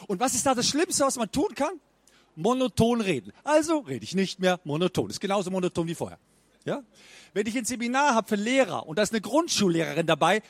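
A man giving a stage talk as a speech trainer, lively and mimicking bad speaking habits with exaggerated intonation. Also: sits high, no echo. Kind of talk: stage talk at a book fair.

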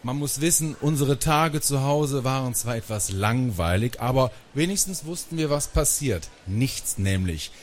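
Expressive man reading a children's story. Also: mid-range voice, a little slow, few pauses, a little hiss or hum. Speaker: reader. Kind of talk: reading a children's book aloud.

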